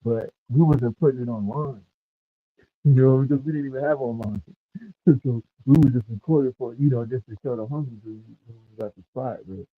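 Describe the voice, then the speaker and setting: A man's voice: mid-range voice, a little fast, no echo. A man telling stories in a casual chat with laid-back street slang, his voice muffled as if heard through a wall and set back from the microphone. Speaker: speaker in an online audio chat room. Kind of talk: casual storytelling.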